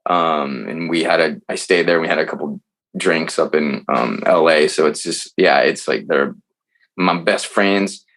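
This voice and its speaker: A man talking as a podcast guest, telling stories in a loose, animated way and swearing freely. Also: very deep voice, measured pace, gravelly. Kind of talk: casual chat.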